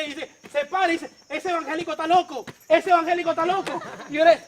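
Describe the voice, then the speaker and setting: A male evangelist preaching a testimony sermon, telling his story fervently and swelling loud on calls of praise. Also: very high voice, slight background noise.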